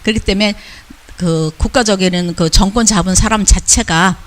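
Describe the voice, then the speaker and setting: An older man, a missionary, giving a casual, lively report and mimicking the people he talks about. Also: high-pitched, moderate pace. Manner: lively storytelling, mimics others' talk. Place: church lecture hall.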